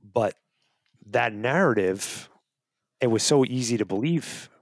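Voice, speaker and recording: A medium-pitched man speaks slowly and expressively as a guest in a casual interview on wildlife advocacy. Earnest and persuasive, he often restarts what he's saying, and the studio sound is clean and echo-free.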